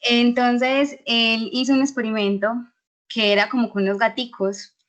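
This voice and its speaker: A woman's voice: on the high side, flat delivery, normal speed, a bit bright, highs cut off. A young woman student answering in an online class, hesitant and full of fillers. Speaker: university student. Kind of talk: class participation.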